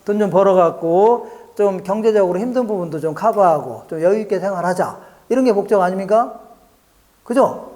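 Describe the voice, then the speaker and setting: A man's voice: sits high, lively intonation, a little fast, mellow. A man giving an exam prep lecture, often asking his students questions and acting out small market scenes. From Korea. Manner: keeps asking the class questions; acts out market scenes in a dialogue.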